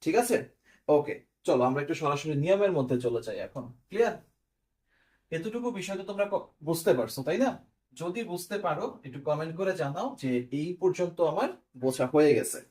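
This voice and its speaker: Guy teaching grammar, kinda high voice, keeps asking "clear?". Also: expressive, fairly quick, darkish tone. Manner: explains step by step, asks quiz questions and checks "clear?". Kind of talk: recorded online class.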